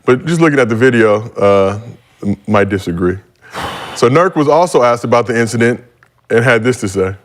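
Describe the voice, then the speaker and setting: A man's voice: mid-range voice, expressive, normal speed. Man hosting a sports talk show. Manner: leads topics with jokey setups. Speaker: podcast host. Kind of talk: casual sports chat.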